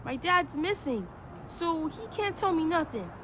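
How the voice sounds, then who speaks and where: A woman's voice: very high voice, big pitch swings, measured pace, background noise, full character voice. A woman voicing a defiant teenage boy in a video game, talking in a sulky, stubborn way. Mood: sullen.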